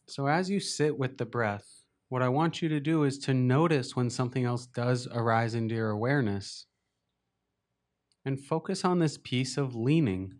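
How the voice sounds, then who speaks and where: In a mid-range voice, a teacher guides listeners through meditation. He keeps his speech gentle and unhurried, allowing long pauses.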